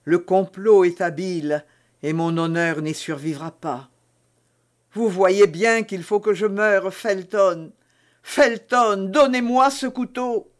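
A man's voice: sits high, slow pace. A man voicing a desperate, seductive noblewoman held captive, pleading theatrically in an audiobook reading.

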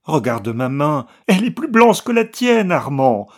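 A man's voice: a little high, big pitch swings, measured pace, voice pushed up. A man voicing a desperate young woman, a distraught wife and mother, crying out in pleading, near-hysterical lines.

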